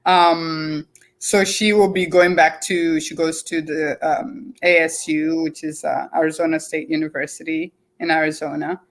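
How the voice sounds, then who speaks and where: A woman in her forties from Zimbabwe speaks with a mixed Zimbabwean, English and American accent. She tells her story casually as an interview guest and laughs easily. Her voice is fairly low for a woman. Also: little pitch movement, unhurried, slight background noise. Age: 40s.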